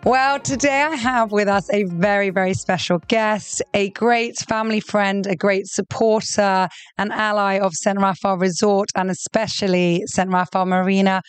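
A woman's voice: mid-range voice, fairly even intonation, normal speed, few pauses, clear, resonant tone, dry recording. A woman hosting an interview, asking eager, curious follow-up questions. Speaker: host. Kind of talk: interview conversation.

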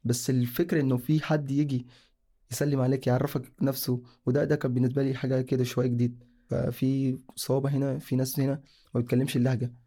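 Rapid-talking young man from Sudan. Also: medium pitch, level tone, dark tone. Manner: rambling, casual, with self-corrections. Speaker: guest sharing a personal story. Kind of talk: casual personal storytelling.

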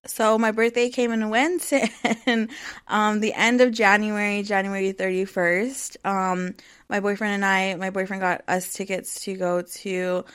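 This podcast host, a woman in her thirties, speaks at medium pitch with a flat, unhurried delivery and a clean, fairly bright tone. Her casual solo chat rambles, packed with "um" and "like."

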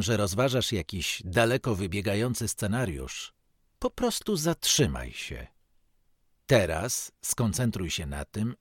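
A man narrating a scripted guided relaxation, giving measured instructions with pauses between phrases. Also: mid-range voice, no room sound, clean studio sound.

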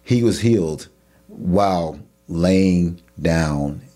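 A man's voice: sits low, extremely slow. A man in a casual Bible discussion, talking loosely and acting out imagined bystanders. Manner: animated, acts out imagined voices in a rising tone. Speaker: Bible study co-host.

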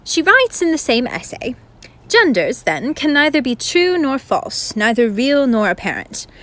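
A heavily acted, high-pitched female voice with big pitch swings and a fairly bright tone takes its time as she plays a scholarly, lecturing narrator in a radio play. Breaking into the scene, she reads scripted narration with a formal, didactic air.

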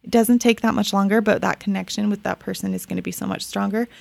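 A woman hosts her own podcast in an easy, upbeat, chatty way, doubling words when she wants to stress them. Her voice has a steady vocal fry running through it. The sound is close and dry, with no room around it. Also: medium pitch, quick pace, dry recording. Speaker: podcast host. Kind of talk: casual solo podcast talk.

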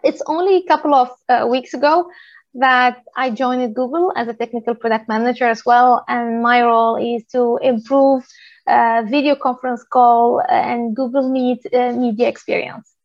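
A woman from Tunisia, a product manager in her thirties, giving a talk in a steady explanatory way with many "uh" pauses. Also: on the high side, no room sound, muffled recording. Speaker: guest speaker, product manager. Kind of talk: presentation talk.

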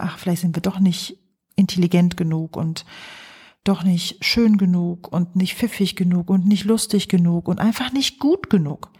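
Soft husky woman, gentle podcast talk. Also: lowish voice. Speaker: podcast host, psychologist and coach. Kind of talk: calm reflective podcast monologue. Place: home, early morning.

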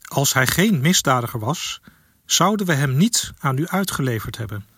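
A man voicing an insistent, accusing temple leader with a husky voice. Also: medium pitch, very animated, moderate pace, fairly bright tone, dry recording, clean studio sound, heavily acted.

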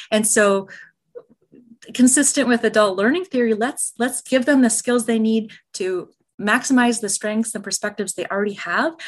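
A middle-aged woman with an American accent, talking as a guest on a podcast. She explains at length in an earnest, enthusiastic way. Her voice sits at an ordinary middle pitch. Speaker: medical educator guest. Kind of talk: podcast interview.

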